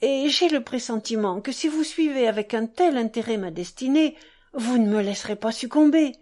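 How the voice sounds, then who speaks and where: A woman's voice: a little high, animated, moderate pace, a little mellow, close to an everyday voice. A desperate, feverish young man pleading in an urgent, fervent rush, as a woman reader does him. His voice rises and falls sharply with the strain of begging. Read aloud for an audiobook.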